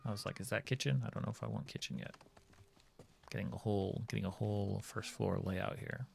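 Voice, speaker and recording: A man's voice: on the low side, brisk, creaky, a little mellow. A man hosting a let's play, commenting casually on the game and reading out what he finds. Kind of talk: casual game commentary, reads notes aloud. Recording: faint game music behind.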